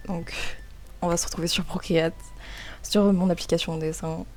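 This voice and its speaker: Chatty, excitable woman with a lowish voice. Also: normal speed, a little hiss or hum. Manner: chatty, excitable, stammers and repeats words. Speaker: gaming and art YouTuber. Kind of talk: casual gaming and drawing commentary. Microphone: desk microphone.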